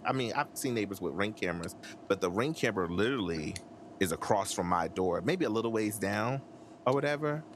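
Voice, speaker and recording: A man's voice: lowish voice, a bit bright, a little hiss or hum. A man hosting a casual podcast chat, ranting emphatically and swearing freely. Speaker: podcast host.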